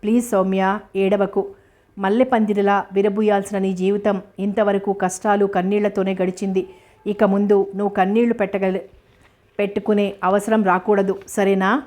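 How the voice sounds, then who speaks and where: A woman voicing a playful, affectionate young man who teases the heroine, reading in a flat, level tone. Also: mid-range voice, normal speed, close to an everyday voice. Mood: tender. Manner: playful, teasing.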